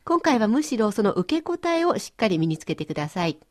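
Woman, language teacher, lively pitch, friendly, clear instructive delivery. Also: fairly quick. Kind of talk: radio language lesson.

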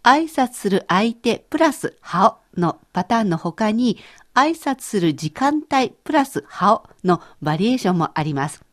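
A woman's voice: mid-range voice, big pitch swings, normal speed. A woman co-hosting a scripted language lesson, explaining phrases in a conversational way. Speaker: language teacher co-host.

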